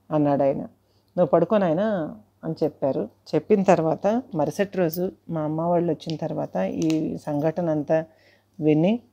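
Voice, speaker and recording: Low, mellow-toned female narrator for a spoken story; measured pace, lo-fi dull recording. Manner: measured, addresses listeners politely. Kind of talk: first-person storytelling.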